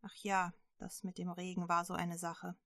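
A woman narrating a Bible story for children with lively, chatty asides. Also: lowish voice, normal speed, no room sound, clean studio sound.

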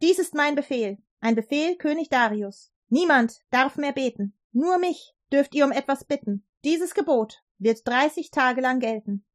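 A woman voicing a proud, excitable old king in a read-aloud Bible story, boastful and then dismayed. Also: high-pitched, measured pace, few pauses. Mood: pleased.

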